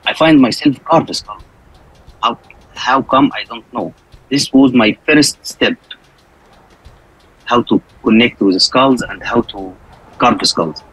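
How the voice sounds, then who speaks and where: A man's voice: medium pitch, measured pace, pauses often, fairly bright tone, slightly rough, low-quality recording. A man from Egypt with an Egyptian accent and Arabic as his first language, speaking simple non-native English as he tells his story in an interview, often repeating phrases. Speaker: interview guest, skull carver.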